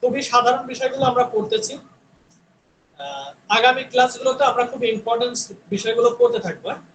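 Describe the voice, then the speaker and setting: A man teaching an online spoken English class, repeating each sound slowly and checking in with his students. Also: extremely high pitch, fairly bright tone, roomy sound, slight background noise, low-quality recording.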